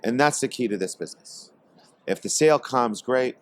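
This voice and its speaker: A man from Portland, Oregon, guest on a podcast, speaking hesitantly with many pauses and fillers. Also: medium pitch, animated. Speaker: guest, tobacco company executive. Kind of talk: casual podcast interview. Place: trade expo.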